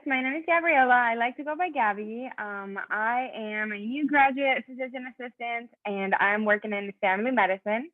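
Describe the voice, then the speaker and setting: A woman with a higher-leaning voice comes through dry and phone-like over a video call. In her thirties, from Venezuela and a native Spanish speaker, she's a physician assistant giving an online slide presentation about her career path to students, speaking conversationally with many fillers and self-corrections.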